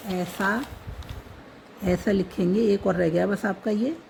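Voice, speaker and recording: A woman teaching how to write words in a script, spelling out each letter slowly and repeating the words as she goes. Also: mid-range voice, fairly even intonation, creaky, noisy background. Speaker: language teacher. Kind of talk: slow step-by-step writing lesson.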